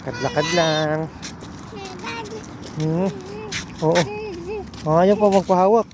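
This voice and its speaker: A woman's voice: low voice, slow pace. A woman filming a toddler outdoors on a phone, coaxing him along in sing-song baby talk mixed with English. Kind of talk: casual family vlog. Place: outdoor park on a hill. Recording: outdoor noise behind.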